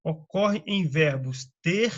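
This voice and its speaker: A man teaches a grammar lesson at a very slow, careful pace. His voice sits a little high for a man, and he keeps checking in with the listener between items. The recording sounds dull and lo-fi. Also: lively intonation. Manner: slow and deliberate, reads word lists with frequent "né?" checks.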